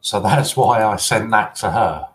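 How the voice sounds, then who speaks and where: A man's voice: fairly low pitch, a little slow, low-quality recording. A man hosting a casual collector livestream, chatty and teasing, often breaking into giggles.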